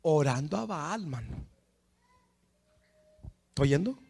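Fiery high-voiced preacher. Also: male voice, animated, takes it slowly, gravelly, breathy edge. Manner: fervent, swings from hushed to shouting; addresses congregation with questions. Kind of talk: sermon.

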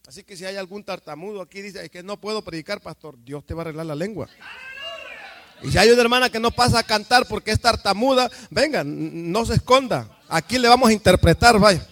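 A man preaching a sermon as pastor, telling the story with lively acted-out quotes, swinging from soft asides to shouts. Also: sits high, brisk.

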